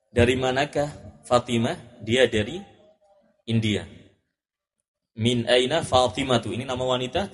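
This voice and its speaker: A man teaching an Arabic lesson, patiently repeating and correcting each student's answer. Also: medium pitch. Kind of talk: classroom drill lesson.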